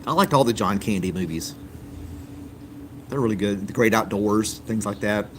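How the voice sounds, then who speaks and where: With a lowish voice at a moderate pace, an American man runs a live stream, easygoingly chatting and responding to viewer comments amid many ums. Background noise is present.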